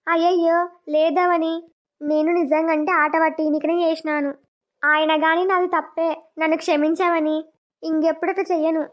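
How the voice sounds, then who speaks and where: A sly young sister-in-law in a village cartoon who mutters her plots aloud, as a woman voices her. Her voice sits very high, and the audio sounds dull and lo-fi. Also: little pitch movement, normal speed. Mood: defensive. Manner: muttering to herself, plotting.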